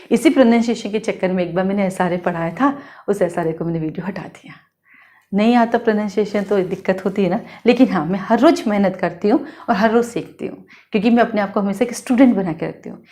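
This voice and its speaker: A woman law teacher with an Indian accent, schooled in Hindi, lecturing in a lively way and repeating points with quick questions to her students. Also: mid-range voice. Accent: Hindi-medium Indian English words. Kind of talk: classroom lecture.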